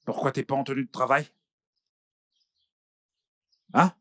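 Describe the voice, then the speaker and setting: A man's voice: mid-range voice, fairly even intonation, a little slow, fairly bright tone, no room sound, clean studio sound, natural voice. A man dubbing a stern, angry male employer who gives curt, threatening commands. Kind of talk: French film dub.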